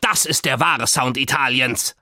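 A man's voice: mid-range voice, measured pace, bright, forceful tone, dry recording, studio quality. A male narrator voicing an old grandfather, theatrical and easily indignant. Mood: passionate.

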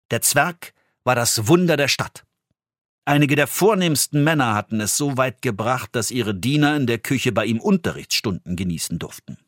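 A man reading a fairy tale aloud as the narrator, in an expressive storytelling manner. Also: medium pitch, no room sound, studio quality.

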